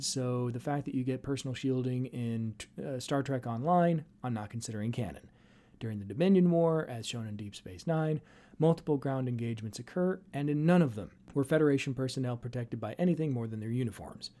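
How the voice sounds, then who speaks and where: A man delivers semi-scripted explanatory commentary in a relaxed, mellow voice. His pitch sits in an ordinary middle range. He drops in wry, dismissive asides as he goes, in the manner of a fan host walking through an argument. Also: fairly quick. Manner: wry, dryly sardonic asides. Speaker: host and narrator of a video series.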